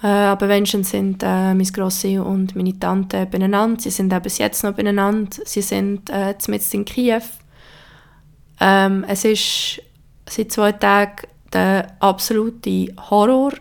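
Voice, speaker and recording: A young woman with a Swiss German accent, hoarse, giving a serious personal account in a halting way with many pauses. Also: mid-range voice, little pitch movement.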